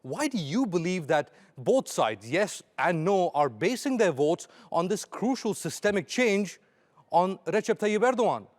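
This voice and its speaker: Male interviewer, slightly high register, formal deliberate questioning, articulate, hall-like reverb on the recording. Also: big pitch swings.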